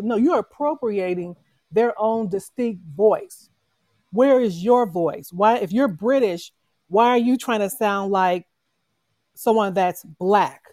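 A woman's voice: medium pitch, darkish tone, dry recording. A woman speaking as a panel guest in a casual online audio room, making her case earnestly and growing impassioned. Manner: earnest, building into impassioned argument.

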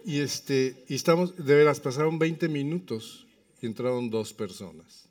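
A man's voice: mid-range voice, moderate pace, distant mic. A man preaching a sermon and telling humorous personal stories. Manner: lively, humorous storytelling. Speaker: pastor. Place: church.

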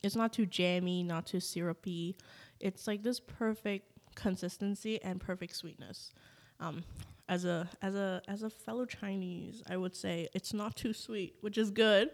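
A woman's voice: medium pitch, fairly even intonation, measured pace. A young woman gives a casual, chatty food review. She talks informally and feels her way through her thoughts with lots of "like". The room rings with long reverb. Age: young adult. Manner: hesitant, informal, frequent "like". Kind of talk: casual food review chat while tasting.

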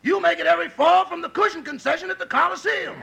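An actor playing a cheeky male valet in a 1940s radio comedy, with a gravelly, rasping voice and quick teasing comebacks. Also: very high voice, heavy background noise, full character voice. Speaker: butler character in a radio comedy.

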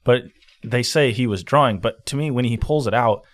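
A man's voice: medium pitch, moderate pace, no echo. A man chatting casually as a co-host on a podcast. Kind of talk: casual chat.

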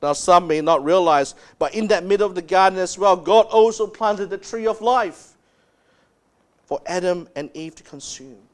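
A man preaching a sermon as pastor, speaking emphatically and dropping low and soft to stress key words. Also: moderate pace.

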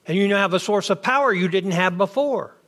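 A man's voice: sits high, brisk, a bit bright. A man teaching a bible class, firing off questions and answering them himself. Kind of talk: interactive bible class lecture.

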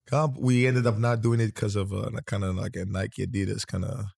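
A Greek podcast host in his thirties, with a Greek accent, runs a casual interview in a relaxed, rambling way, restarting his stories often. His voice is fairly low, creaky and slightly rough, and he talks a little fast. The audio has clean studio sound with no room sound.

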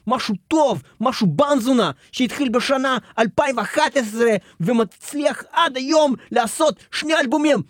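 A man's voice: extremely high pitch, dry recording, studio quality. A man hosting a radio request show, bantering playfully and teasing with repeated words.

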